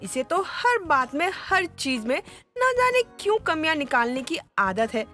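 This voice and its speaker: An older mother-in-law with a high, lively voice that swings up and down, fed up and scolding in a cartoon story. Soft music sits in the background. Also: moderate pace, exaggerated voice. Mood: exasperated. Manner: exasperated, scolding. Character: weary, exasperated mother-in-law. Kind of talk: animated story dubbing.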